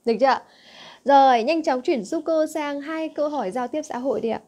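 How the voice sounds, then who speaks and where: A woman's voice: high-pitched, brisk, warm tone. A young woman teaching an English exam-answer lesson, coaxing her students with frequent check questions. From Vietnam.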